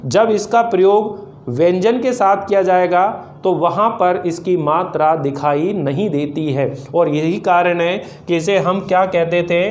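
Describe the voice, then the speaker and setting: A man's voice: high voice, a little slow. A man teaching Hindi grammar to students with a Rajasthani Hindi accent, patiently repeating each point as a question and answer and sounding out each vowel one by one. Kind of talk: classroom lesson to students.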